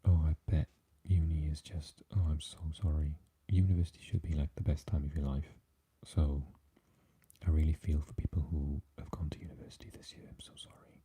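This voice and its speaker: A man from Wales with a Swansea Welsh accent, an ASMR live streamer, reads chat and talks softly with his viewers. He alternates unvoiced whispering with low, deep speech in a level tone at a fairly quick pace. Slight background noise is audible.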